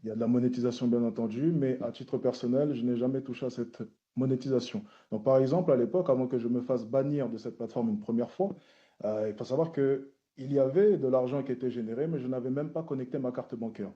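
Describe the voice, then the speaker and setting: Man, content creator at a hearing, measured formal answers, deep mellow tone, muffled recording. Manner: measured, repeats key phrases, formal phrasing. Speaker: social media content creator testifying at a hearing.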